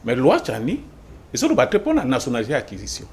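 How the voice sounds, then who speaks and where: Animated husky-voiced man arguing. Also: medium pitch, fast. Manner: animated, insistent, interrupts. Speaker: debate panelist. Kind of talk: heated political debate.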